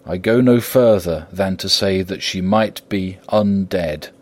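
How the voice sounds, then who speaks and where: A grave old professor, as a male narrator plays him, speaking slowly and solemnly in a low voice. He is measured and compassionate, a gothic audiobook figure.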